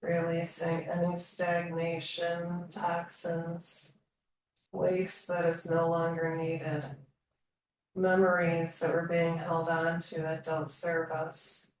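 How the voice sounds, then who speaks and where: Calm and soothing, a woman guides a slow meditation, leaving long silences between phrases in her fairly low-pitched voice. A distant mic picks up roomy echo and faint noise.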